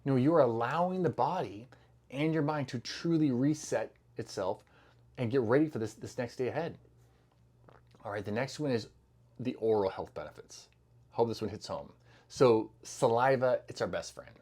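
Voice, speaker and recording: A middle-aged man speaks to camera in a loose, conversational health talk, his voice medium in pitch and somewhat dark, at a moderate pace. He fills it with fillers and restarts, easygoing like a clinician addressing patients, in a casual educational style.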